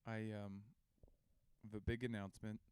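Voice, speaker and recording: A man's voice: lowish voice, level tone, normal speed, darkish tone, clear, resonant tone, dry recording. Rambling, joking male podcast co-host, dry close sound. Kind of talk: casual comedic podcast banter.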